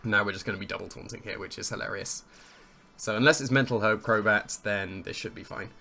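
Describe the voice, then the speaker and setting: Fairly low-pitched and a little fast, this man sounds pushed and bright as he narrates his own competitive game. His slightly hoarse, croaky voice carries casual play-by-play full of thinking aloud, option-weighing and amusement at his plays.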